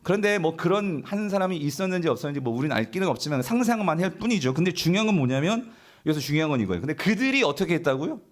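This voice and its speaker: A man's voice: a little high, sing-song, very fast. A male pastor preaching a sermon, asking the congregation questions and answering them himself, now and then acting out the grumbling of the people in the story. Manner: acts out imagined grumbling voices of the people in the story.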